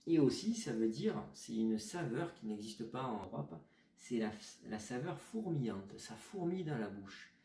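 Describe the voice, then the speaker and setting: A man's voice: medium pitch, lively intonation, mellow, recorded from a distance, a little hiss or hum. Man teaching tones in a roomy space. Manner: patient, explanatory, models tones slowly. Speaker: Chinese teacher. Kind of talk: pronunciation lesson.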